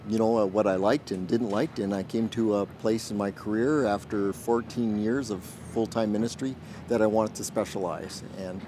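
A man in his forties, a military chaplain, answers interview questions outdoors in an earnest, thoughtful way and pauses often to find his words. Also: on the low side, fairly even intonation, noisy background. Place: outdoors in a garden.

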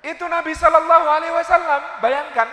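A man preaching a sermon in a large mosque, telling stories with lively, playful asides to the audience. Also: extremely high pitch, fast. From Indonesia. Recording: echoey hall reverb.

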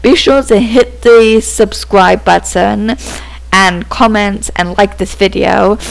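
A woman gives gameplay commentary as a let's play host, muttering in a flustered, self-deprecating way. She talks slowly with a gravelly fry in her voice and a middling pitch. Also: fairly even intonation, rough recording.

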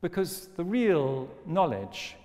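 A man's voice: fairly high pitch, sing-song, takes it slowly, mellow. A man lecturing on philosophy in a wry, storytelling manner. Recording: long hall reverb.

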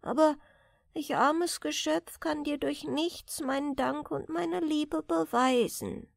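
A woman voicing a frail, kindly old spinster in a storybook, speaking softly and tenderly. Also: high-pitched, takes it slowly, gravelly, dry recording, studio quality, voice pushed up, exaggerated voice.

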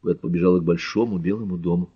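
Husky low-voiced male audiobook reader. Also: fairly even intonation, fast, dry recording. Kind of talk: scripted audiobook narration. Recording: dull lo-fi dry recording.

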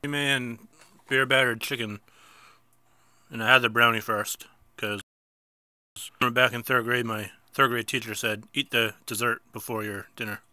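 A gameplay host with a stuffy nose talks casually through a mobile bowling game, teasing himself and erupting when he misses. His medium-pitched voice is steady and sharp, moving at a moderate pace with frequent pauses, in a dry recording.

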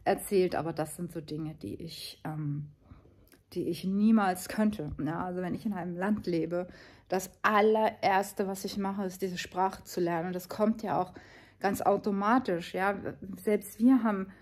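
A woman's voice: lowish voice, fairly even intonation, a little slow, darkish tone. A woman in her fifties talking casually and earnestly in a travel vlog, with many fillers and restarts. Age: 50s. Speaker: vlogger.

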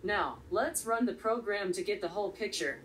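A woman presenting a step-by-step coding tutorial in a steady, explanatory way. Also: medium pitch, normal speed. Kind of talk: step-by-step software tutorial narration. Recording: slightly distant voice with faint background noise.

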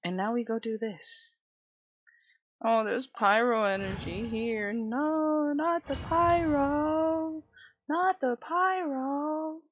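A woman with a slight lisp streams a game and chats playfully and casually with her viewers, giving laid-back gameplay commentary as she talks to chat. Her voice is high and slow, with slight background noise and faint game music.

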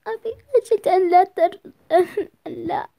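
A woman's voice: extremely high pitch, moderate pace, gravelly, warm tone, pitched above the performer's own voice. A woman voicing a timid young girl caught lying, stammering tearful excuses.

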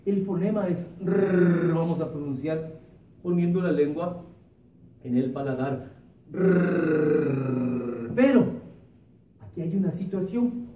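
A man, a primary school teacher giving a remote lesson to children, drawing out each sound slowly. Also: fairly high pitch, animated, dark tone, distant mic. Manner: slow, drawn-out pronunciation of sounds for children. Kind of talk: remote classroom lesson with a sung opener. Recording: echoey room, voice off-mic, light music.

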